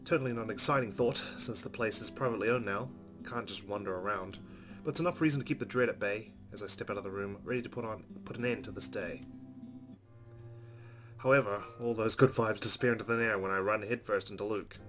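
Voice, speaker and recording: This man talks fast in a voice on the low side, hosting a game playthrough. With game music running underneath, he reads the story narration aloud expressively as the let's play host.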